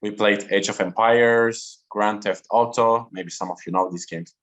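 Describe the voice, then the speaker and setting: A man in his thirties from Turkey, a native Turkish speaker giving an online talk to students slowly and deliberately over a video call. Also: lowish voice, fairly even intonation, a bit bright. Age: 30s. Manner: slow, deliberate and interactive.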